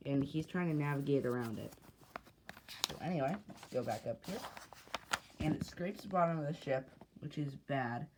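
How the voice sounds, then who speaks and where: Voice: mid-range voice, normal speed, long pauses, noisy background. A speaker casually narrating a homemade sci-fi short, hesitant and rambling with lots of fillers and restarts.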